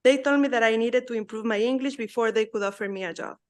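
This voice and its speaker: A woman's voice: a little high, quick pace. A woman from Ecuador with an Ecuadorian Spanish accent, a native Spanish speaker, earnestly reading prepared testimony as a public witness.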